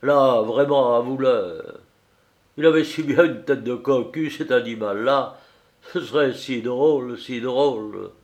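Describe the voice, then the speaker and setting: A man's voice: mid-range voice, unhurried, a little mellow, natural voice. A man voicing a husband who presses his wife insistently, turning from gleeful to jealous and angry. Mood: teasing. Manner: insistent, laughing, then stammering and angry.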